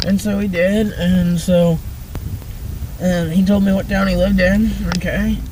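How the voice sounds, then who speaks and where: A young man from Maine chatting casually and haltingly to viewers, rambling as he gives an amateur review. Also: high-pitched, fairly even intonation, background noise. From northern Maine, United States. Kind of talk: casual vlog chat.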